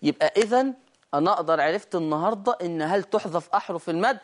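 In an online tajweed lesson, a man with an Egyptian Arabic accent teaches the basics of Quran recitation step by step, his high voice full of lively intonation. He keeps asking "right?" to make sure listeners follow and stretches verses into a slow chant to demonstrate each rule.

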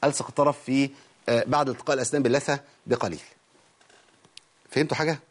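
Speaking very fast in a steady, medium-pitched voice, a man with an Egyptian accent teaches the rules of Quran recitation. He frequently poses questions and answers them himself, and he demonstrates each sound along the way in this lecture.

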